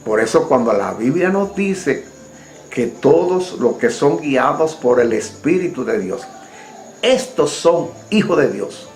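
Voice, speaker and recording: A preacher with a Dominican accent who speaks slowly and deliberately and puts direct questions to his listeners. His voice sits in the middle of the male range and carries the echo of a reverberant room. Soft music plays underneath. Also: medium pitch. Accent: Dominican Spanish. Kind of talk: sermon.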